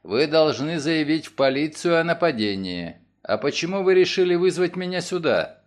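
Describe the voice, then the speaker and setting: Male reader as a calm middle-aged lawyer, low voice, clipped, terse, level, audiobook. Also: normal speed, lightly acted. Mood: curt.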